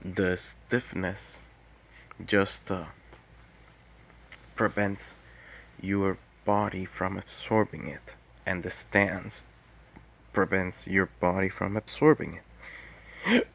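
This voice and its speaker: A man talking casually on his own in a quiet, subdued late-night manner, explaining technique and halting often mid-phrase. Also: low voice, vocal fry. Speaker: martial arts vlogger. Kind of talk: casual solo talk explaining fighting technique.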